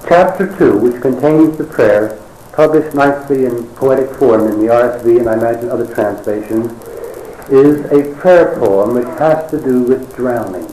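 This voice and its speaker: A man preaching a sermon in a wry, conversational storytelling manner with dramatic pauses. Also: medium pitch, dark tone, reverberant, slight background noise, rough recording.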